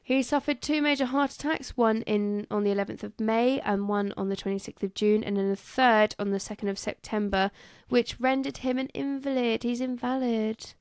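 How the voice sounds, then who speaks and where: A woman's voice: fairly high pitch, moderate pace, few pauses, a little mellow, clear, resonant tone, dry recording. A woman co-hosting a casual history podcast, reading from notes and joking and swearing between facts. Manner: jokey, giggly, swears. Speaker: podcast co-host.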